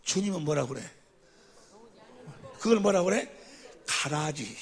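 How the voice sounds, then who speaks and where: A man preaching at a church seminar, who keeps quizzing the audience and calling for amens, sometimes bursting into shouts. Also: on the high side, lively intonation, unhurried. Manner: quizzes the audience with constant questions; calls for amens after each point. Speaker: pastor. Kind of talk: seminar sermon teaching.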